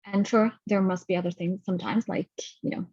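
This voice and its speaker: A woman hosting a guided healing session over a video call, talking haltingly and stopping to gather her thoughts. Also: mid-range voice, steady tone, a little mellow, breathy edge, dry recording. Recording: dull lo-fi audio.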